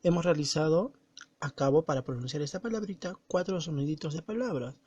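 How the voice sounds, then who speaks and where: A male teacher giving a slow, didactic recorded lesson, stressing words and syllables as he explains them. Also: a little high, a little mellow, breathy edge, dry recording, lo-fi sound.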